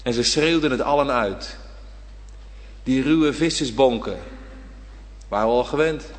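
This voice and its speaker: A man preaching a sermon, dramatic, swinging from loud emphasis to near-whisper and asking the congregation rhetorical questions. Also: mid-range voice, unhurried, in a large hall.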